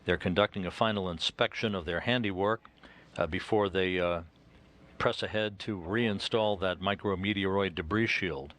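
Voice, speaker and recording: Low-voiced man giving measured commentary. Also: a bit bright, a little hiss or hum. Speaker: mission commentator. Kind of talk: measured live technical commentary.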